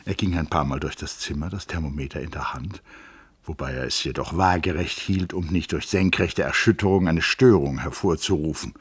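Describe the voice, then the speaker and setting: A man narrating a literary audiobook with measured, expressive storytelling. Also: low voice, breathy edge, no room sound. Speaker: audiobook reader.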